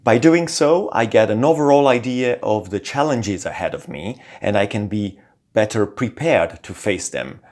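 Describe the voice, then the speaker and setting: In a scripted talk to camera, a language-learning channel host speaks at a moderate pace. He's a lower-voiced man whose first language is Italian, with a lively, shifting intonation full of small fillers.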